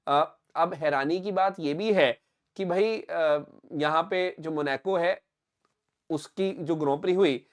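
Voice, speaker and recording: Speaking in a high-pitched voice, a young Indian man leads a current affairs class for exam aspirants. He works through points step by step, regularly makes sure students follow, and mixes in English phrases.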